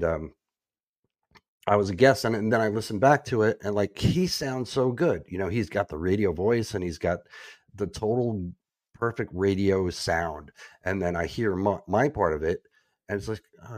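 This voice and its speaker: Low-voiced male podcast co-host, dry close sound, rambling and self-mocking. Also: normal speed, a little mellow, dry recording. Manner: rambling, self-deprecating, many fillers. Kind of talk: casual chat. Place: echoey room.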